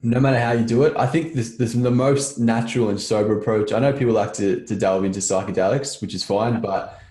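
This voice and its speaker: A man's voice: lowish voice, steady tone, fairly quick, darkish tone. A man hosting a podcast interview, talking in an earnest, reflective way. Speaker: podcast host. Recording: roomy echo.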